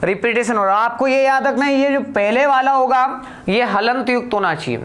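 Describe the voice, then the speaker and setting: Guy teaching grammar for exam prep, slow and careful, keeps asking students stuff then answering himself. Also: extremely high pitch, fairly bright tone. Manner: slow, deliberate, asks the class questions and answers them himself.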